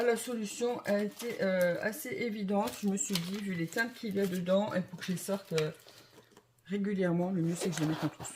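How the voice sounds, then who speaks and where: A woman's voice: fairly low pitch, background noise. A woman chatting casually to her viewers about her coloring supplies, rambling and correcting herself with lots of fillers and a self-mocking tone. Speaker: vlogger. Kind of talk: casual chat to camera.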